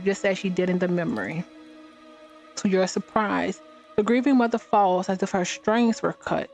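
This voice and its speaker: Woman reading game text, halting. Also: mid-range voice. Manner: halting reading with frequent restarts. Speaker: let's play host.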